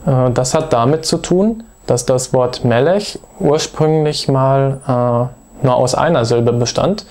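A man giving a patient, methodical video lesson, pausing often with hesitation fillers as he explains grammar. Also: mid-range voice, a little mellow. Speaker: language teacher.

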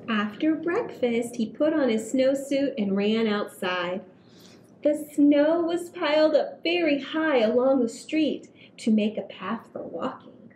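Seated at a table in a small indoor room, a story hour host in her thirties reads a picture book to little children, stretching out her phrases expressively. She speaks into a headset microphone, and the audio carries roomy echo and a low rumble.

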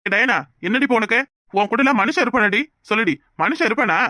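A voice actor playing a fed-up young village husband. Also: male voice, very high voice, quick pace, pushed and bright, dry recording, clean studio sound. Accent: Kanyakumari Tamil. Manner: firm, fed-up. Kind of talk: cartoon voice acting.

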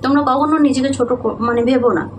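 A young woman from Medinipur chatting softly in a casual home vlog, sleepy and sweaty in the heat. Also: high-pitched, fairly even intonation, racing, slight background noise. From Medinipur, West Bengal, India. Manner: soft, hushed talk so a sleeping child stays asleep. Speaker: vlogger, housewife and mother. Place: small home indoors. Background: background music.

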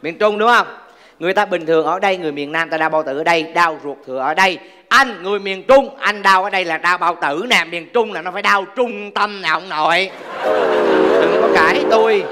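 A man playing an impatient, bossy female hospital nurse in a stage comedy sketch, scolding in a fast exasperated voice. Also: sits high, bright, forceful tone. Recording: hall reverb with noisy background.

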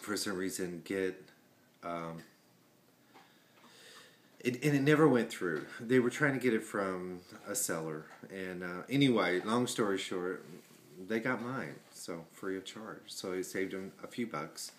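A man's voice: low voice, expressive, a little slow, a little hiss or hum. A man, chatting casually to a webcam in his living room, rambling with many fillers and restarts. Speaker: vlogger. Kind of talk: casual chat. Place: home living room, indoors. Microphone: webcam at desk.

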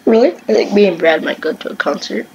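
A woman's voice: medium pitch, expressive, fast, vocal fry, muffled recording. A woman hosting a gaming channel, giving casual let's-play commentary and reading chat lines aloud in playful voices. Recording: music playing behind the voice.

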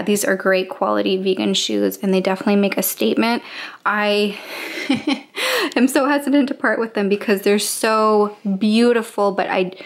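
A young woman from Canada chatting casually through a home organizing vlog, with frequent ums and little laughs. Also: medium pitch. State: out of breath. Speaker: lifestyle vlogger. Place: home closet and bedroom.

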